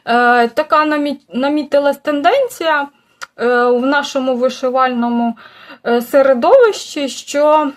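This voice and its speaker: Chatty woman stitching vlogger, fairly high voice. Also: measured pace. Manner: hesitant, many fillers and restarts. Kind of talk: casual chat.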